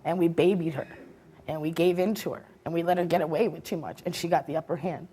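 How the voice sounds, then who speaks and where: Her voice is fairly low, warm, and husky, and she talks fast with fairly even intonation. A middle-aged woman on a talk show, she gives an emotional account that is earnest and remorseful but becomes defensive under challenge.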